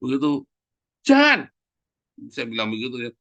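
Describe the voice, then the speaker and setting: A male pastor preaches in a booming voice, half teasing and half scolding his congregation. His pitch moves up and down a lot in lively swings. His delivery is loud, blunt and conversational. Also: normal speed, highs cut off. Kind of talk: sermon.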